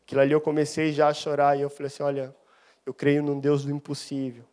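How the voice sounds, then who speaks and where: A man preaches in church, his voice sitting a little high for a man. He tells his testimony with lively storytelling and takes on the voices of the people in it. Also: quick pace. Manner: animated storyteller, acts out dialogue. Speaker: deacon preaching a sermon. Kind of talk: sermon with personal testimony.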